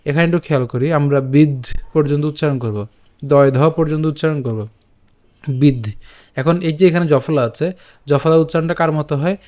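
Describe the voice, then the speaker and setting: Slightly high-voiced man teaching verse pronunciation. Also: a little mellow. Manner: breaks words into syllables, asks "ঠিক আছে?" often; slow, drawn-out verse recitation. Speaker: Gita recitation teacher. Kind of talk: step-by-step Sanskrit pronunciation lesson.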